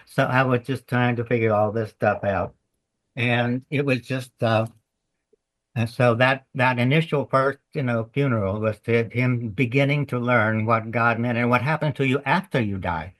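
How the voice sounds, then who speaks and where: A man's voice: mid-range voice, normal speed, a bit bright. A man with a Southern US accent, a playwright chatting in an interview, rambling in a folksy way as he tells stories. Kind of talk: casual interview chat.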